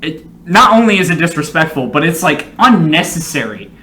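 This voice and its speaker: Bright-voiced man casually ranting over background noise. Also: on the high side, big pitch swings, brisk. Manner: profane, rambling, opinionated; often breaks into laughter. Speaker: reaction video host. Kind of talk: casual reaction commentary.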